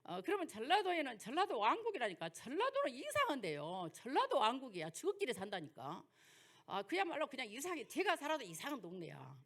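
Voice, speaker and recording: A woman's voice: sits high, wildly swooping pitch, brisk, fairly bright tone. An older woman pastor with a Jeolla accent, preaching through folksy personal stories and rhetorical questions. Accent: Jeolla dialect. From Jeolla, South Korea. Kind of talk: sermon lecture with personal stories.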